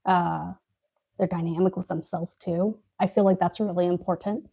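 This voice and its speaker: A woman's voice: fairly low pitch, fairly even intonation, normal speed, vocal fry, mellow, breathy edge. A woman co-hosting a casual live stream, telling a story while eating and laughing often. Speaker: co-host.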